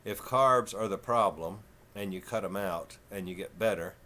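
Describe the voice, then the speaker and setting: A man in his fifties with a Texan southern twang, talking slow and folksy in a rambling, casual vlog. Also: sits low, sharp tone, slight background noise. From Texas. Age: 50s. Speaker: vlogger.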